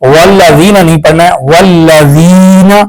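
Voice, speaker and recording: A man with a Pakistani Urdu accent teaching Quran recitation, spelling out each letter and drawing out syllables slowly, then explaining rules at a brisk pace. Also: a little high, fairly even intonation, a crowd in the background, poor audio.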